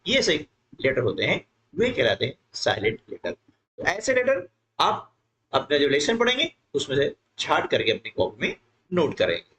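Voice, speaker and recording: Male tutor, lively pitch, slow English readings then quick explanations. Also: low-quality recording. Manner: repeats filler tag questions to students. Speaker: teacher. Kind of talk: explaining an English textbook lesson in Hindi.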